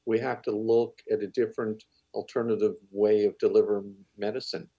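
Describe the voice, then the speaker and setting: Casting: man with a Cape Breton accent, raspy and soft-edged, speaking earnestly and steadily as an interviewee. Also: lowish voice, little pitch movement, a little fast, dry recording, highs cut off. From Cape Breton, Canada. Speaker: veteran paramedic and union manager. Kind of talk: interview answers.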